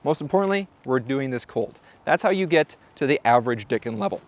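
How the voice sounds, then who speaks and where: A shooting channel host with a medium pitch talks to his viewers in a brisk, animated way during a casual vlog at the range. He keeps things playful and jokey, though he sometimes sounds out of breath.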